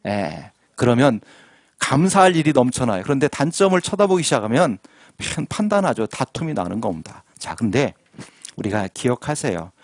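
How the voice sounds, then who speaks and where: A man's voice: mid-range voice, very animated, moderate pace, dry recording, studio quality. A man preaching a sermon as pastor, asking the congregation questions and drawing call-and-response. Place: church sanctuary.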